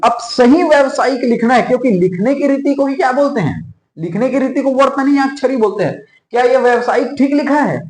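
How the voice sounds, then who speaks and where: Male teacher, high voice, repetitive coaching lecture in an echoey room. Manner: repetitive, coaching, checks in constantly. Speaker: exam-prep teacher. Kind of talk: classroom lecture.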